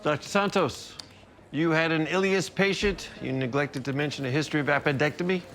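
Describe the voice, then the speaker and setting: An actor playing an authoritative senior hospital doctor in a TV medical drama, dry and sarcastic. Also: male voice, a little high, a little fast, vocal fry, a bit bright, slight background noise. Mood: brisk, commanding. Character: wry, authoritative male senior attending doctor. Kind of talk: naturalistic TV medical drama acting.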